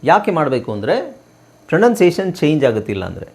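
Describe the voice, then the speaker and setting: A man's voice: a little high, big pitch swings, quick pace, a little mellow. A man from Karnataka teaching English spelling rules in a spoken lesson, spelling words out letter by letter and asking rhetorical questions. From Karnataka, India.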